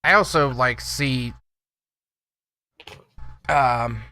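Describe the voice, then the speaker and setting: A man runs a tabletop role-playing game as its dungeon master, his voice bright and forward. He narrates loosely and easygoingly, with plenty of fillers. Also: mid-range voice, drawn-out words.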